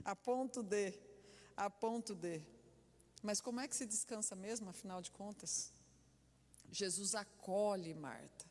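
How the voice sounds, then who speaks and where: A woman pastor preaching a sermon, telling stories with lively, animated delivery and laughter. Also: mid-range voice, slow pace, long pauses. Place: church hall. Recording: echoey church hall.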